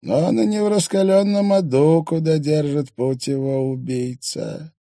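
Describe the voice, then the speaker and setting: A man reading an audiobook, voicing a kind old man who speaks slowly and sadly, with no hatred in his voice. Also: on the high side, warm tone, no room sound, clean studio sound, voice pushed up. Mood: sorrowful. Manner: slow, mournful, without hatred. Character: gentle old widowed man, sorrowful and kind.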